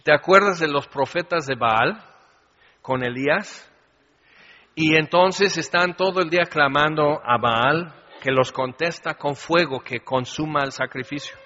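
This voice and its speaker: A man's voice: a little high, measured pace, sharp tone. A man preaching a sermon in a conversational way, full of rhetorical questions. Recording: echoey hall, dull lo-fi sound.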